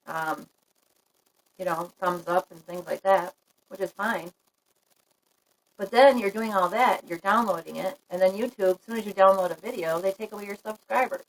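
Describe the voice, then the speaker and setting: A woman's voice: mid-range voice, moderate pace, low-quality recording. A woman live-streaming a casual chat to her viewers, talking frankly and laughing often. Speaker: livestream vlogger.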